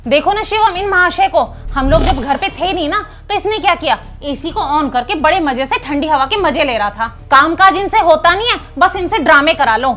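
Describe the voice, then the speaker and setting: A woman's voice: high-pitched, expressive, normal speed, few pauses, fairly bright tone, faint music behind. A woman acting a bossy wealthy house mistress who scolds and taunts in a short drama skit. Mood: arguing. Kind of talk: scripted Hindi skit acting.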